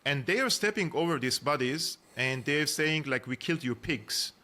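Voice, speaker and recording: A man's voice: on the high side, animated, moderate pace, background noise. An earnest man with a Syrian Armenian accent, a journalist and analyst speaking as a guest in a podcast interview, with frequent fillers and restarts.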